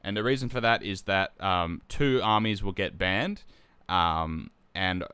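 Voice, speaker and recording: Deep, bright, dry-sounding man. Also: unhurried, smooth, no room sound. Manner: relaxed, with frequent fillers and restarts. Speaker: tournament organizer and stream host. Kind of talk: casual live-stream chat.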